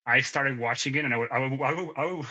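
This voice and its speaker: A man's voice: medium pitch, quick pace, bright, forceful tone, highs cut off. A man in his thirties, co-hosting a podcast in casual conversation, who tells rambling stories, sidetracks and laughs often. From moved to the United States ten years ago. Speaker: podcast co-host.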